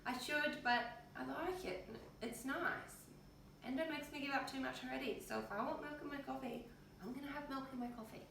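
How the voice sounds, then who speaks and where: An Australian-accented health vlogger talks fairly quickly in a high-pitched, gravelly, fairly bright voice with a steady tone. Chatting casually in her home kitchen with the windows open, she sounds tired and in pain, her speech offhand and colloquial. The kitchen is very echoey, the mic distant, and there's faint noise.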